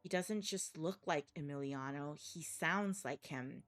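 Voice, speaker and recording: A woman streamer reading a text game aloud with dramatic weight. Her voice sits lowish, and she stumbles over words now and then between blunt asides. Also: measured pace, faint music behind.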